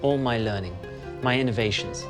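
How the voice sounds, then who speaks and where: An actor playing a formal, grave inventor lost between worlds, speaking with a posh English accent. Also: male voice, medium pitch, moderate pace, music in the background, close to an everyday voice. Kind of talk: film acting.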